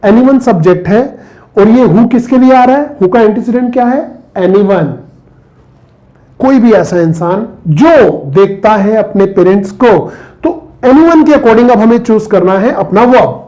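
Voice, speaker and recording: Guy teaching grammar, kinda high voice, keeps asking the viewers questions. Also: animated, takes it slowly, dark tone, rough recording. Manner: talks to viewers, quizzing them with rhetorical questions. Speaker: English teacher. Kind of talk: classroom grammar lesson.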